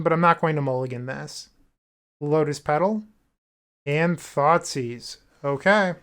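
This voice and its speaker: Man, casual gameplay commentary, thinking aloud, upbeat, wry. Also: fairly high pitch.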